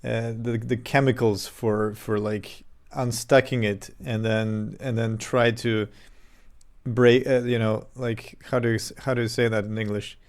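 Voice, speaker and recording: A man from Serbia with a Serbian accent, chatting casually on a game development live stream into a desk microphone, halting and full of fillers. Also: mid-range voice, little pitch movement. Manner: halting, many fillers and restarts.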